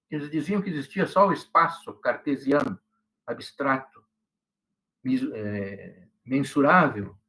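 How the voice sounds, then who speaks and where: Older man, professor giving a lecture, chatty teacher, slightly high voice, drops in Italian phrases. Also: a bit bright, poor audio. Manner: conversational, asks "né?" and "entendeu?" often. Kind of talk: lecture to students.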